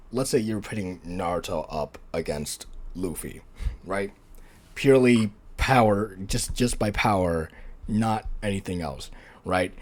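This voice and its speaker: A man's voice: low-pitched, a little mellow, slight background noise. A young man hosting his own vlog, rambling casually with lots of fillers and "right?", sounding tired after a nap. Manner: rambling, many fillers and restarts, asks "right?" often. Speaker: channel host.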